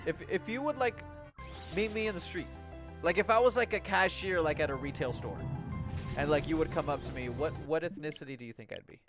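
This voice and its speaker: A man's voice: fairly high pitch, brisk, music in the background. A young man casually chatting on a live game stream, rambling with lots of "like" and "um". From Mexican-American. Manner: rambling and chatty, full of "like" and "um", laughing often.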